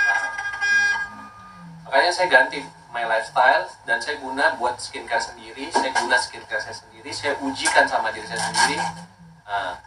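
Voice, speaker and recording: This man in his thirties owns a skincare brand and hails from Makassar, Indonesia. He promotes it in a casual, emphatic way, going over points again and sprinkling in English. His mid-range voice is picked up by a distant mic, with reverb and background noise.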